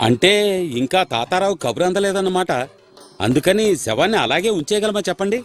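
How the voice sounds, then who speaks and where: A brisk, pushy funeral organizer. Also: male voice, high voice, lively intonation, faint music behind. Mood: urging. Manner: brisk, persuasive. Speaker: relative arranging a funeral. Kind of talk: film dialogue.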